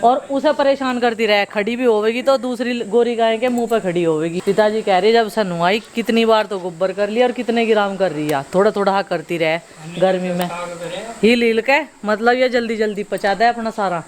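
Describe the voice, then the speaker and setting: Filming her everyday routine outside her village home, a woman in her thirties who runs a family vlog chats casually in a mid-range voice at a moderate pace. She explains as she goes and playfully teases her kids.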